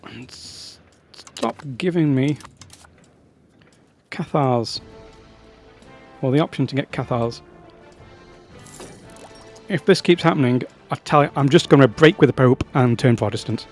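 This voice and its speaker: A man's voice: mid-range voice, normal speed, pauses often, faint music behind. Rambling male strategy-game commentator. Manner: rambling, self-interrupting, chatty asides. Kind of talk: casual gameplay commentary.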